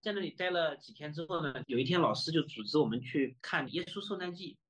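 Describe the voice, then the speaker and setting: A man's voice: a little high, fast talker. A young adult man earnestly telling a personal faith testimony as an interviewee, reflecting on his past and recounting scenes with quoted dialogue.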